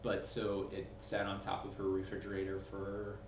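A man in his thirties from Cleveland, co-owner of an ice cream shop, talking in a relaxed, halting way with many fillers in an interview. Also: deep voice, vocal fry. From suburbs of Cleveland, US. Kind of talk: casual interview. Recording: echoey room, distant mic, noisy.

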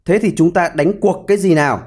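A man's voice: high-pitched, fairly quick, a little mellow, husky. A man voicing a conceited male rabbit in a storybook tale, talking down with mocking smugness. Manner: smug, mocking. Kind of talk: storybook character voice.

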